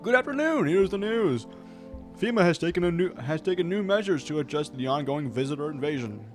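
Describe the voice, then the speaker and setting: A man voicing an upbeat male news announcer with a brisk announcer delivery. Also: on the high side, lively intonation, soft background music, pitched above the performer's own voice, natural voice. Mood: announcing.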